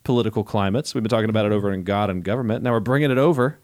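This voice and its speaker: A man's voice: fairly low pitch, very fast, darkish tone, no echo. A man hosting a church podcast, joking around and reading scripture aloud. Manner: playful, joking, upbeat. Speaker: podcast host.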